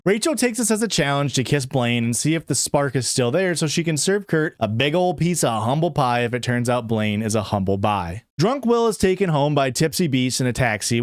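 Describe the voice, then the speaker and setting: A man's voice: medium pitch, no room sound, clean studio sound. A man hosting a recap show, giving scripted comedic commentary in a wry, sarcastic way.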